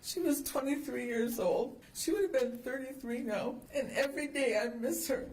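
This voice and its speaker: A woman's voice: sits high, moderate pace, darkish tone, slight background noise. A woman speaking in court as the mother of a victim, grieving as she quotes her daughter. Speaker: victim's mother giving a statement. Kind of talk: courtroom statement. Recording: echoey courtroom, distant mic.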